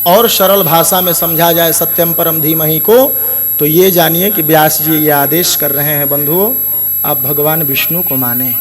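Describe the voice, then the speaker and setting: A man giving a devotional Hindi sermon. He chants Sanskrit verses slowly and then explains them in plain talk, calling his listeners brothers. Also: on the high side, steady tone. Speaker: Bhagwat Katha preacher. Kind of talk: devotional sermon with scripture recitation.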